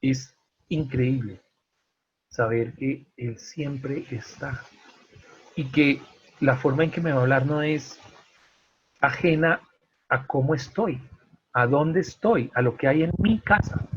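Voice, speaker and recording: A man leading an online Bible study, animated and asking the group questions, with a husky, breathy voice over a video call. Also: mid-range voice, slow, pauses often, highs cut off.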